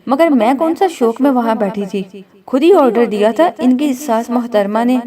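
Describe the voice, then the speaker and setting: A woman reading aloud, voicing a sharp-tongued, hot-tempered young wife who snaps indignantly. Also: a little high, moderate pace, crowd noise, close to an everyday voice. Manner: indignant, snappy.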